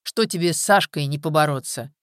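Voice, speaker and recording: A hard, scornful grown man in a storybook, loud and sneering as he provokes, as a woman reader voices him. Her low voice is recorded dry and close. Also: fairly quick, no echo, lightly acted. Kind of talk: audiobook character voice.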